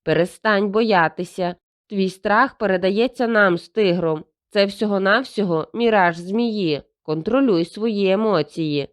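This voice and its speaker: A woman voicing a small, jittery male cat familiar who mutters and squeaks in an audiobook. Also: measured pace, dry recording, clean studio sound, natural voice. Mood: panicked. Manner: purring mutter, squeaky when scared.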